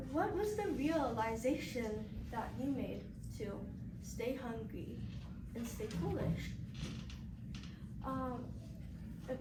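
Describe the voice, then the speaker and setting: A woman giving a formal speech evaluation, hesitantly searching for her words. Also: high-pitched. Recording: echoey room, distant mic, loud noise.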